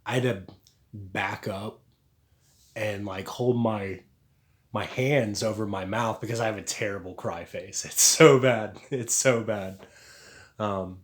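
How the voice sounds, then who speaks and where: A man telling a personal story in a casual, halting way, earnest and confessional, with lots of fillers and restarts. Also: lowish voice.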